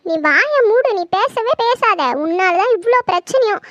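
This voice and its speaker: A grieving, furious cartoon mother, voiced by a woman, with a very high, shrill and scolding voice. The recording is dull and lo-fi, and it sounds dry. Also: animated, moderate pace, a bit bright, no echo. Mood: bitter, scolding. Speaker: cartoon voice actor. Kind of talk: Tamil horror cartoon dub.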